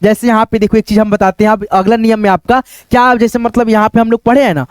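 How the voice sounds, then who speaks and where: A man teaching English pronunciation, spelling words out letter by letter and then saying them slowly, with the same friendly filler phrases over and over. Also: high voice, steady tone, clean tone, no echo. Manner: repetitive, keeps saying "okay friends" and "look here".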